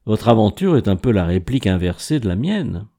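A man's voice: on the low side, very animated, a little fast, warm tone. A man voicing a frail, haunted old composer who hesitates and breaks off with fillers, in a read-aloud story. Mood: admiring.

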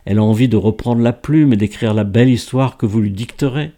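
A man reading a storybook aloud and voicing a strange, enigmatic stranger who speaks in a hushed, confiding, insistent way, with a paternal tone. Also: medium pitch, brisk, close to an everyday voice.

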